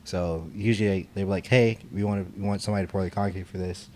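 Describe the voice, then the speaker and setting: Talking fast in a low, slightly mellow voice with fairly even intonation, a young podcast co-host rambles through casual chat, full of fillers and restarts. He's a concrete estimator, and a little hiss or hum sits under the recording.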